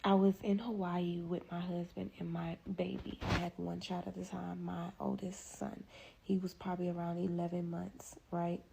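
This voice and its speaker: A mother telling a casual story in a hushed, partly whispered voice. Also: fairly low pitch, flat delivery, moderate pace, gravelly, background noise. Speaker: mother vlogger.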